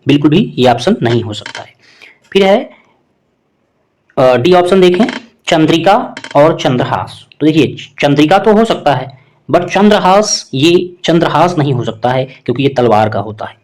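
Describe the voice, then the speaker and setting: A man with a somewhat raised speaking pitch runs through exam questions as a tutor. He reads each option, rules them out one by one, and keeps posing questions to himself before giving the answer. His explanations go patiently step by step. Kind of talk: Hindi grammar exam solution lesson.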